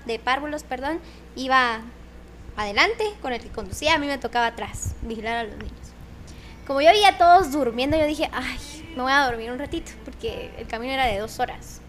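A woman, a kindergarten teacher telling a funny work story as a podcast guest, animated and quick to laugh. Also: high voice, slight background noise. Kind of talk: casual storytelling chat.

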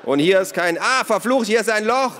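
Male reader voicing a sulky sarcastic boy: loud, whiny, annoyed, storybook, reverberant sound. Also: medium pitch, lively intonation, normal speed, slight background noise, pitched above the performer's own voice, natural voice. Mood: exasperated. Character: grumpy sarcastic boy, clumsy and easily annoyed. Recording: long reverb.

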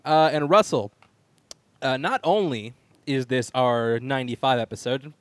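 A man with a mid-pitched voice hosts a casual entertainment podcast. He talks informally, and the sound is very dry and close. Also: no echo. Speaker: podcast host. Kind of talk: casual entertainment talk show hosting.

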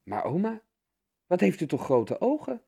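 A man's voice: sits high, huge pitch swings, moderate pace, creaky, mellow, husky, voice pushed up, full character voice. Man doing a timid little girl. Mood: timid, curious.

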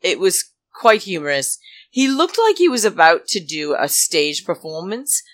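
A woman with a notably low voice delivers chatty podcast commentary at a leisurely, drawn-out pace. Her manner is campy and theatrical like a drag queen, full of sassy, indignant emphasis. The recording is close and dry. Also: big pitch swings, fairly bright tone, dry recording. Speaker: podcast host. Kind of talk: solo reality TV recap podcast, chatty commentary.

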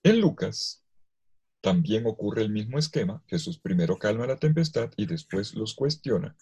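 Speaking at a moderate pace in a fairly low, gravelly voice with a breathy edge, a male priest teaches scripture to clergy. He reads the text with expressive emphasis and acts out the quoted lines.

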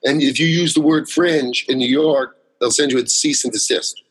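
Male guest, husky timbre, mid pitch, loose rambling delivery with lots of "uh"s. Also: normal speed, rough recording. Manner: rambling storyteller, many fillers and restarts. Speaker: guest, solo theater performer. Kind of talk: casual interview chat.

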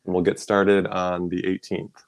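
A man who is a physician and coach, talking as an interview guest in a relaxed, measured way. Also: sits low, creaky. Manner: relaxed and measured, explains steadily with some fillers. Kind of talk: casual interview conversation.

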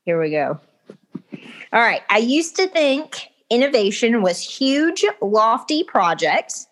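A woman with a fairly high, very animated voice talks slowly as an interview guest. She is informal and playful, chatting off the cuff. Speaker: educator, podcast guest. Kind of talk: casual unscripted interview chat.

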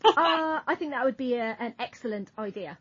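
A woman's voice: on the high side, lively intonation, moderate pace, fairly bright tone, breathy edge. A woman co-hosting a podcast, chatting casually and trailing off as she explains. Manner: rambling, self-interrupting, trailing off. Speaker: podcast co-host. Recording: dull lo-fi audio.

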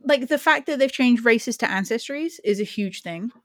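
Frank, higher-voiced woman podcaster. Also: animated, normal speed, a bit bright, dry recording, clean studio sound. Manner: frank, swears, laughs often. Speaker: podcast co-host. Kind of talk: casual chat.

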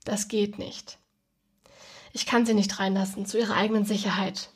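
A woman's voice: mid-range voice, level tone, normal speed, breathy edge, lightly acted. A woman reading the lines of a young woman at a club door, polite and apologetic but firm.

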